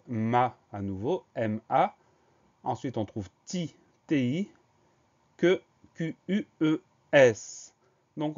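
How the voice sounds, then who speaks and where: Man spelling out words, slow and careful. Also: medium pitch, a little mellow, highs cut off. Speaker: teacher. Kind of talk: spelling dictation lesson.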